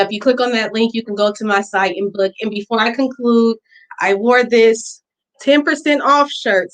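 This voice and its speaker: A woman presenting a pitch for her hair salon in an earnest, heartfelt way. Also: a bit bright, low-quality recording. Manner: earnest and emotional, fighting back tears at times. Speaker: business pitch contestant, hair stylist. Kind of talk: virtual business pitch presentation.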